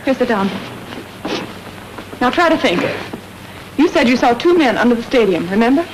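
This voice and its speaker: An actress playing a plucky young woman amateur sleuth in a 1930s radio drama, with a brisk, bossy manner. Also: on the high side, big pitch swings, noisy background.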